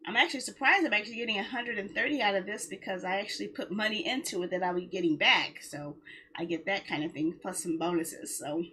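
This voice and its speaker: A female game streamer chats casually to her livestream viewers, rambling in a mildly complaining, self-justifying way. She talks fast in a mid-range voice, and the audio is poor, with steady background noise.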